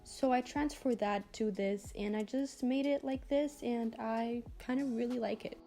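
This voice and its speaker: A woman's voice: on the high side, steady tone, measured pace, dark tone. A teenage girl talking casually as a vlogger about her design work, chatty and full of "like" fillers. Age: teens. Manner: chatty, lots of "like" fillers, gushing. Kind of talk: casual vlog talk over screen recording.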